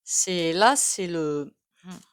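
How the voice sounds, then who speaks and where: A woman with a regional French accent talks through a tarot card reading in a loose, conversational way. Her voice sits a little low, and she hesitates often, wandering off into asides. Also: expressive, very slow, slight background noise. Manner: rambling, hesitant, many fillers and asides. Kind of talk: casual tarot reading to camera.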